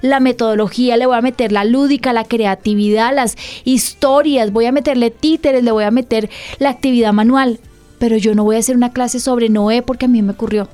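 Earnest high-voiced woman preaching to listeners. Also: fairly even intonation, a little fast, warm tone, soft background music. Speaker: pastor and program host. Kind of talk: church radio teaching talk.

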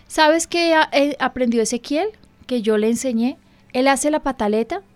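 A woman pastor and radio host speaks with earnest emphasis, slightly high in pitch. The sound is dry and close, with no room behind her. She talks through parenting points in a conversational way. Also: moderate pace, dry recording. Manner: earnest, emphatic, acts out dialogue with her child. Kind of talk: conversational parenting advice talk.

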